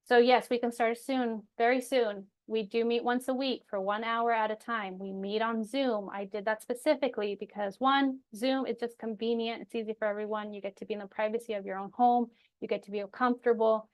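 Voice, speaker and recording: A woman speaking as an energy coach, casually presenting her program in an encouraging, reassuring, informal way with frequent emphasis. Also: on the high side. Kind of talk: casual, personal program pitch to viewers.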